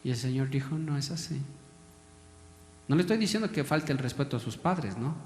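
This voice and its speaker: A man's voice: mid-range voice, animated, a little fast, darkish tone. A man with an Ecuadorian Spanish accent preaching a sermon as a pastor, pressing the congregation with questions and calling them brother. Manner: preachy, repeatedly addresses listeners as brother. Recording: echoey hall, long reverb.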